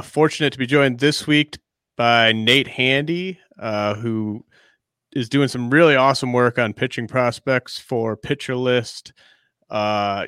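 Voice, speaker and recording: A man's voice: medium pitch, pushed and bright, clear, resonant tone, no room sound, studio quality. A man hosting a podcast in a casual, conversational interview style, feeling his way through his sentences. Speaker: podcast host.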